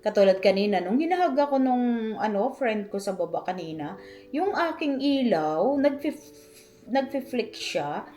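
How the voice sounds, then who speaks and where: A middle-aged woman from the Philippines shares a heartfelt personal story, mixing Tagalog and English. Her voice is mellow and dark, with faint music playing underneath. She talks in loose, repetitive phrases, and her pitch climbs when she gets emotional. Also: expressive, unhurried. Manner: Tagalog-English code-switching, repeats phrases, fillers like "ah" and "ano"; emotional, rising high when moved. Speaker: vlogger, hairdresser.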